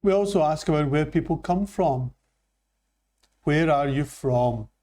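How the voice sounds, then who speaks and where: A Scottish man teaching English phrases at a slow, deliberate pace. His voice is mellow and sits a little high. He explains each point carefully to his class. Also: lively intonation. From Scotland. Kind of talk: classroom lesson.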